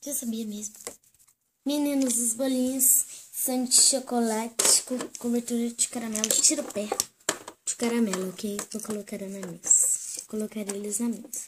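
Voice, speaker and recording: A young girl hosting her own video and acting out a doll story, switching between squealing character voices and hushed whispered asides. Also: on the high side, fairly even intonation, moderate pace, background noise. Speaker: YouTube host and doll-play storyteller. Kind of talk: doll role-play acting out all the characters.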